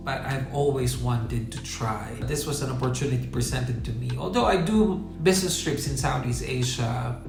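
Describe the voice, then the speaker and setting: A man from the Philippines talks through his travel impressions in a relaxed, chatty vlog, with a gravelly edge to his voice. His voice rings in an echoey room over clear guitar music. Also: mid-range voice. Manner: chatty, reflective, laughs at himself. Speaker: travel vlogger. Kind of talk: casual vlog monologue.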